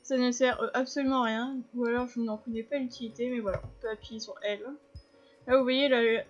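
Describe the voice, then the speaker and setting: A woman's voice: a little high, fairly even intonation, a little fast, highs cut off. A woman giving casual gameplay commentary, chatting to viewers and explaining the controls as she plays. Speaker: gaming video host. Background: faint game music.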